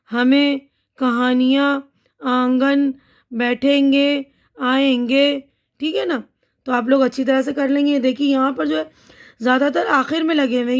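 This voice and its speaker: Woman teacher explaining a kids lesson, patient and slow, keeps asking "right?", fairly high voice. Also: darkish tone. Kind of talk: primary school language lesson.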